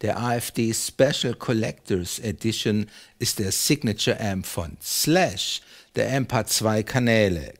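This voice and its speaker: A man in his fifties in a home music studio, calmly presenting guitar amp presets in a measured, matter-of-fact way. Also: on the low side, gravelly. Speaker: guitar demo host. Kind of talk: scripted product demo narration.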